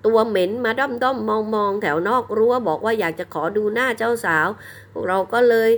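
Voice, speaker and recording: A woman's voice: a little high, normal speed, creaky, voice pushed up. A woman voicing a rude, scornful servant driving someone away in a folk tale. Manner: harsh, scornful shouting.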